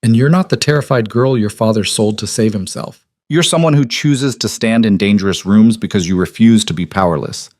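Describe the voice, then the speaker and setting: A man voicing a guarded, middle-aged crime boss who speaks in a quiet, measured, controlled way. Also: on the low side, no room sound, clean studio sound, lightly acted.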